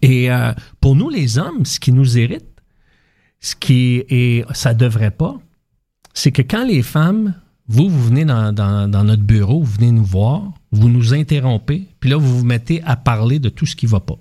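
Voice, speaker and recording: A man's voice: mid-range voice, lively intonation, unhurried, mellow. A man with a Québécois French accent, a guest explaining relationship habits through concrete everyday examples, with restarts and fillers. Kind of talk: casual explanatory chat.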